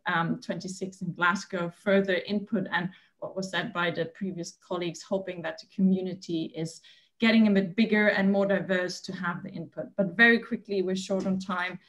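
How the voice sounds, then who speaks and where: A woman giving a conference presentation, talking in a hurried way with many fillers and restarts. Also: fairly low pitch, steady tone, a bit bright. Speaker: panel presenter.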